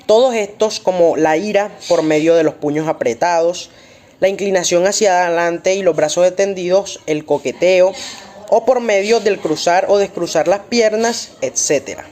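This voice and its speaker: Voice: mid-range voice, normal speed, a little mellow. Student reading out a class presentation.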